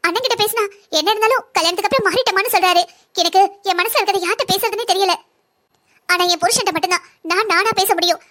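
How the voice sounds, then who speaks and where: A woman's voice: very high-pitched, quick pace, pushed and bright. A woman voicing a young wife and mother, a doctor, in a family cartoon drama, pleading yet defiant. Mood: earnest.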